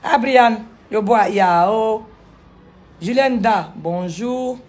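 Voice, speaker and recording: A woman, vlogging casually from a sunny village outdoors on a handheld phone, animated and talkative, firing back at critics. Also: a little high, extremely slow. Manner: animated, chatty, retorts to critics. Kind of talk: casual vlog tour.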